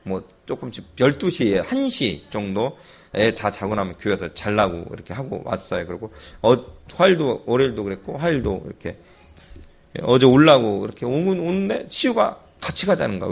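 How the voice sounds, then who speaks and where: A man preaching a sermon and telling a personal story in a lively way, with chuckling asides. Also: mid-range voice, a little fast, gravelly, slightly rough. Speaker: pastor.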